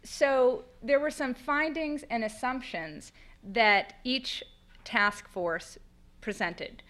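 A woman's voice: fairly high pitch, slow, fairly bright tone. A middle-aged American woman with a lateral lisp, presenting at a podium in a conversational, explanatory way with rhetorical questions. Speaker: panelist presenting at a law school conference. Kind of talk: semi-formal spoken presentation. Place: indoor lecture room at a podium. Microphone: podium microphone on a boom stand.

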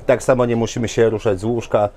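A man's voice: medium pitch, little pitch movement, quick pace, a little mellow, slight background noise. Chatty man touring a caravan at a fair. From Poland. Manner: enthusiastic, talks straight to viewers with many fillers. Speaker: caravan show presenter. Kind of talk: walkthrough presentation. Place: inside caravans at a large indoor trade fair hall. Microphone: lapel mic.

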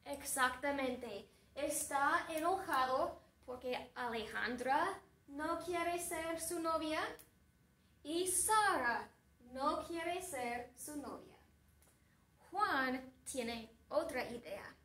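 A woman teacher tells a story to her class, speaking very slowly and deliberately and stopping to ask questions. Her voice sits high. The recording is roomy and echoey, as if she is standing a little back from the mic. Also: lively intonation, fairly bright tone, far from the mic. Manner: slow and deliberate, asking the class questions and recapping. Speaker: Spanish teacher. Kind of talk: slow storytelling lesson for a class.

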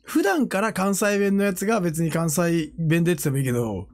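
A man chatting casually on a livestream, joking and animated, often breaking into laughter and playful mimicked voices. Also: high voice, brisk. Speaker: streamer.

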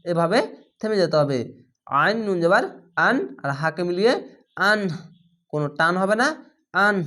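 A man's voice: sits high, sharp tone. A patient man spelling out recitation rules. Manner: spells words letter by letter, then recites them slowly and drawn out; patient, repeats rules and quizzes the viewer. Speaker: Quran teacher. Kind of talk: step-by-step recitation lesson.

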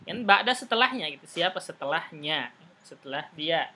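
Bright-voiced woman teaching Arabic online. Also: low-pitched, animated, normal speed, a little hiss or hum. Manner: patient, explains step by step with repeated phrases. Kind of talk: online Arabic conversation lesson.

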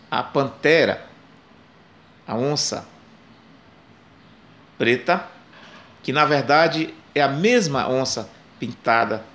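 Older man, storyteller, very slow, dramatic pauses, close phone recording, small room. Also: mid-range voice, a bit bright. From Brazil. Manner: slow, dramatic pauses, rising and falling emphasis. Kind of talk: oral storytelling of a legend. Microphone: phone camera close to face.

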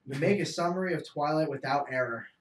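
A man's voice: fairly high pitch, a little fast. A young man in casual chat with friends, blunt and laid-back, swearing freely. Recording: roomy, distant mic.

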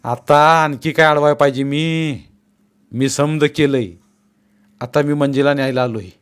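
Man voicing an older schoolmaster, weary, slow pleading speech, firm. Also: a little high, steady tone, clean tone, natural voice.

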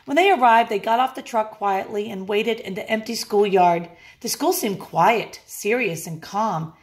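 A woman teacher reading a picture book aloud with expressive, playful storytelling. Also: medium pitch, moderate pace. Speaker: music technology teacher.

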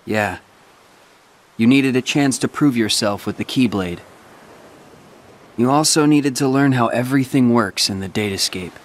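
A young man voices a brooding teenage warrior who sacrifices himself, performing a video game cutscene in a grave, restrained way. His medium-pitched delivery is unhurried and lightly acted, with frequent pauses and a somber, earnest mood.

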